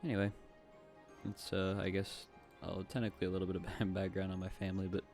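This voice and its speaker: A man's voice: low voice, completely flat delivery, fast talker, darkish tone. A young man from the southeastern United States with a light Southern accent, chatting casually and rambling over his gameplay. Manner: rambling, chatty, with frequent fillers and asides. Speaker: gaming YouTuber. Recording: faint music in the background.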